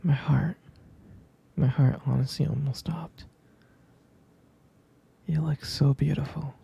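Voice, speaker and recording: A young man voicing an obsessive boyfriend who keeps his lover caged, whispering in a soft, coaxing way. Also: a little high, fairly even intonation, slow, heavily acted. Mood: fondly reminiscing. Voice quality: breathy whisper. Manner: soft, coaxing, menacingly sweet. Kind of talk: whispered ASMR roleplay.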